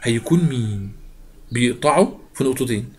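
A man's voice: medium pitch, lively intonation, darkish tone, a little hiss or hum. A man with an Egyptian Arabic accent teaching a math lesson, playful, asking questions and answering them himself. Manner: rapid, playful, asks and answers his own questions.

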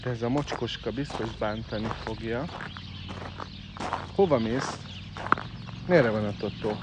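A man's voice: fairly low pitch, very noisy. A man calling and coaxing his farm animals in a casual live stream, chatting to viewers outdoors. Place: outdoors in a farmyard. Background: birds and chickens.

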